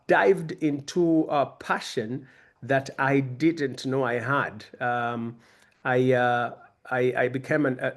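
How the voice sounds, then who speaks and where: A man, his pitch sitting in an ordinary middle range. He gives a relaxed, conversational talk to young people. He tells his own story with a self-deprecating touch. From Uganda. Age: 50s. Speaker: guest speaker.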